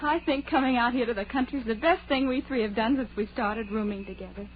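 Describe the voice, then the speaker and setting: A woman's voice: fairly high pitch, fast talker, lightly acted. An actress playing a timid, dreamy young woman, hesitant and earnest, in a 1940s radio drama. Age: young adult. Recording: noisy, tinny 1940s radio recording.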